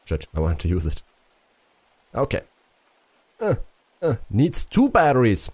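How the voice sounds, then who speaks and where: A man's voice: medium pitch, huge pitch swings, unhurried, darkish tone, slightly rough, no room sound. A man streaming a puzzle game, muttering to himself and swearing casually as he plays. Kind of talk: casual live-stream commentary.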